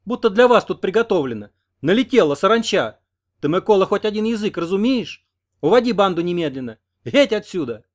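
A man reading an audiobook, voicing an indignant young woman who scolds in a sharp, ringing voice. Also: high-pitched, sing-song, fairly quick, voice pushed up.

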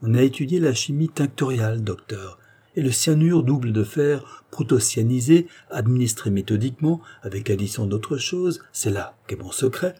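A man voicing an excitable elderly godfather who proudly shows off his flower, exclaiming with delight. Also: medium pitch, moderate pace, few pauses, husky, lightly acted. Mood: boastful. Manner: eager, exclamatory, boastful.

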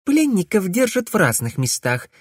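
A man's voice: high voice, wildly swooping pitch, moderate pace, slightly rough, dry recording, studio quality, voice pushed up, heavily acted. A man voicing a capricious young female witch in an audiobook, coy and sulky by turns.

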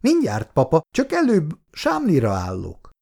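A man voicing a wry, soothing middle-aged mother in a read-aloud story, pitched above his own voice. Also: huge pitch swings, creaky, mellow, heavily acted.

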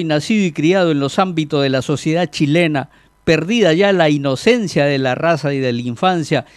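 Male radio voice, mid-pitched, calm, pausing reader in a dead studio. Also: clean tone, no echo. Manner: measured, reflective, with frequent pauses and fillers. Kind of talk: radio talk, reading aloud a poet's text.

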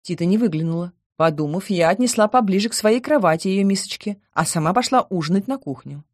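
A woman narrating a first-person novel as an audiobook in a calm, quietly expressive way on a close mic. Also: mid-range voice, fast, dry recording. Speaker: audiobook reader.

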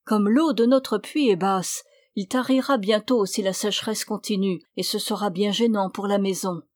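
A woman's voice: mid-range voice, steady tone, moderate pace, a little mellow, no room sound, studio quality, natural voice. A woman voicing a scheming young maidservant who feigns a plaintive sickness and keeps insisting. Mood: sly.

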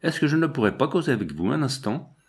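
A man's voice: medium pitch, big pitch swings, quick pace, voice pushed up. A man voicing a burly, scheming male street tough who talks in a wheedling, businesslike way.

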